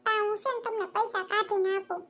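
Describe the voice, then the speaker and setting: A woman's voice: very high-pitched, level tone, fairly bright tone. A woman voicing a chatty, boastful village housewife in a cartoon, with a Kathiawadi Gujarati accent. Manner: chatty, boastful, quick-tongued. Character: gossipy village housewife who lends money.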